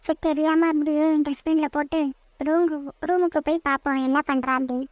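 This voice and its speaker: A woman's voice: sits high, steady tone, a little fast, no room sound, dull audio, lightly acted. A woman voicing a bratty, nosy little sister in a cartoon, with a whiny, tattling way of talking. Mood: greedy, sneaky. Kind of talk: cartoon voice acting.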